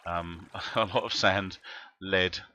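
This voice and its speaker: Man, very low voice with a bright, forward edge; streamer talking through his gameplay, meandering and thinking out loud. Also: fairly even intonation, slow pace. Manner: rambling, thinking aloud while playing. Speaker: game streamer. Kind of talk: live gameplay commentary.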